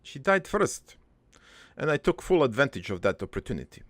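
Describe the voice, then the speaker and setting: Playing a crude, wistful dead dad in a cartoon, a man stumbles through his life story in gravelly, improvised fits and starts. The pitch sits mid-range with a sing-song lilt, the mood fond and sly, and the creaky voice is recorded dry.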